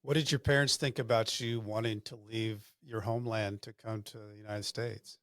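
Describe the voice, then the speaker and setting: A man's voice: on the low side, steady tone, moderate pace, a bit bright, dry recording, clean studio sound. A man hosting an interview podcast, talking conversationally with fillers and restarts. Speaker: podcast host. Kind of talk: interview podcast with sponsor read.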